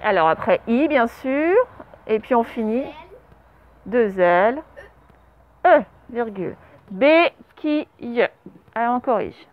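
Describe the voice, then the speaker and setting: A woman teacher at a primary school dictates spelling words from behind a face mask, drawing each syllable out and spelling letters aloud. Her slightly high voice is expressive and unhurried, broken by long pauses. Traffic can be heard through open doors, and the audio has a narrow, phone-like quality.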